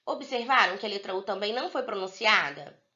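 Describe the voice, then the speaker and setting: A Brazilian woman teaching young pupils in a recorded video lesson, slowly spelling out words for the children. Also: medium pitch, animated, sharp tone, muffled recording. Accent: Brazilian Portuguese. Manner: slow, drawn-out word-by-word dictation for young pupils. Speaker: primary school teacher.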